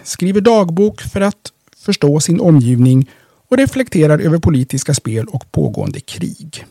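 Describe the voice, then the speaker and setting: A man reading library audiobook tips from a script in a measured, steady way. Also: a little high, dry recording, studio quality.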